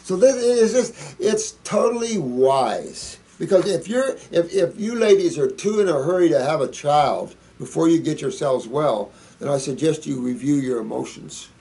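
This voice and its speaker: A man's voice: medium pitch, creaky, dark tone. A man hosting a question-and-answer show, giving folksy, rambling, preachy advice as he reads out and answers viewer questions. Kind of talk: casual monologue answering read-out questions.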